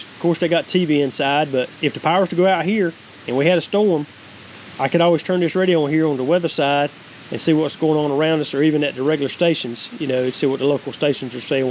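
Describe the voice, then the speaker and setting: Speaking briskly in a voice on the high side, a Southern-accented man in his forties gives a loose, folksy, rambling product review as a homestead vlogger. The setting goes from a wooded creek to a cabin deck, and the low-quality recording has a clear, steady outdoor hiss.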